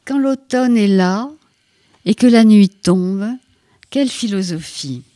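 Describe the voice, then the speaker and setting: An older woman speaks as a guest writer in a radio interview. Her voice is mellow and darkly warm, recorded close and dry. She talks in a halting way, with fillers and restarts. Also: mid-range voice, lively intonation, no room sound. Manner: hesitant, many fillers and restarts, reads poems slowly.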